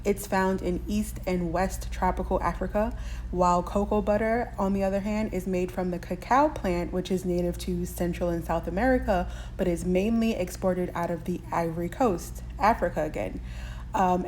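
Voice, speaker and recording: A woman's voice: lowish voice, fairly even intonation, moderate pace, a little mellow, a little hiss or hum. A woman hosting a shopping channel who explains how to say tricky words in a chatty way, laughing lightly now and then. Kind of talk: casual explanatory lesson.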